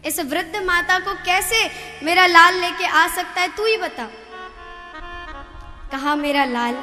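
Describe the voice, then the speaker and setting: A woman voicing an elderly mother-in-law who speaks softly and reproachfully, with music behind her. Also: slow, full character voice. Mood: scolding. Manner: soft, lower and scolding. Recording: reverberant hall with music.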